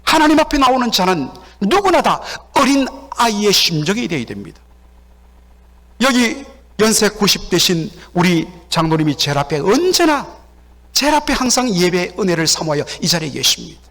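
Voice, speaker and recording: A man's voice: sits high, normal speed. A Korean man preaching a sermon as pastor in a church sanctuary, telling stories and acting out the voices of the people in them. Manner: animated storytelling, acts out quoted voices. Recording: long hall reverb.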